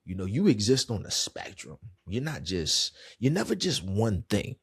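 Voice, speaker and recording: Podcast host and therapist, man with a DC accent; low, husky, candid, colloquial. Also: big pitch swings, normal speed. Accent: Washington DC. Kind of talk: casual monologue.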